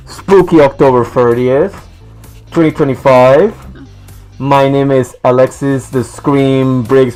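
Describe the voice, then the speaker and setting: Podcast host, male, voice muffled behind a mask, set back from the mic, playful and theatrical, pitched a touch above his usual and a bit louder. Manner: playful, theatrical spooky intro. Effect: voice muffled through a costume mask. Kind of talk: podcast intro.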